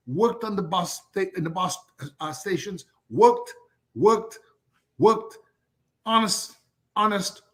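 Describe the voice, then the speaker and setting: Guesting on a political talk show, this older Dominican commentator has a high-pitched, fairly bright voice. He argues with fire, stacking one repeated rhetorical list on top of another.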